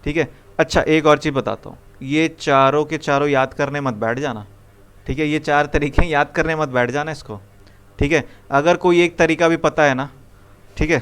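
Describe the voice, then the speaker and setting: A man's voice: fairly high pitch, fairly bright tone, clear, resonant tone. A young man teaching programming to a live classroom, coaxing students with repeated questions. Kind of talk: live classroom coding lesson.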